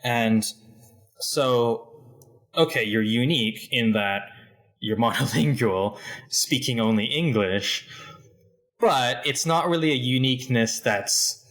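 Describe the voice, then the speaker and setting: A man's voice: mid-range voice, slow, long pauses, fairly bright tone. A young man from Hong Kong, a guest in a casual interview, talking thoughtfully about himself with a self-deprecating humor and many restarts. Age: young adult.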